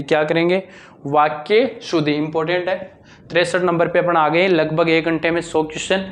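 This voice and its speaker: A male teacher giving an exam-prep grammar lesson, with a lilt, drilling answers and asking and answering his own questions. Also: on the high side.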